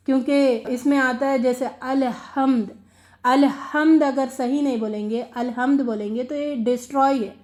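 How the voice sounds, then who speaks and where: A woman's voice: high voice, darkish tone. A woman giving a religious lesson on Quran recitation, earnest and questioning, repeating phrases for emphasis and mixing in English words. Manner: mixes English words into speech. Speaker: Quran teacher. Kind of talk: religious lecture.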